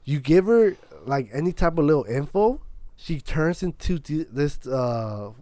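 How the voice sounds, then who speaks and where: A man's voice: a little high, expressive, measured pace, warm tone, dry recording. A young man co-hosting a podcast, telling a long story in casual chat, rambling, swearing and acting out both sides of an argument. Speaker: podcast co-host.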